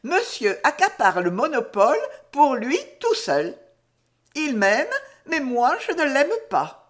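A woman's voice: high voice, very animated, takes it slowly, exaggerated voice. Woman playing a teasing, playful young woman. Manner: teasing, playful, mock-exasperated. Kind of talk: dramatized audiobook reading.

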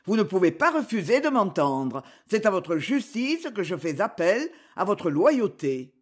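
A man's voice: sits high, sing-song, measured pace, full character voice. A man reading a novel aloud, voicing an earnest young magistrate who pleads insistently.

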